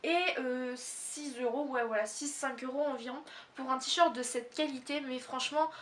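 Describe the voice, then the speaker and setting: High-voiced teen girl, rambling haul chat. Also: fairly even intonation, normal speed, far from the mic. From Réunion. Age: teens. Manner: rambling, many fillers and self-corrections. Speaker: fashion haul vlogger. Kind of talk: casual haul video chat.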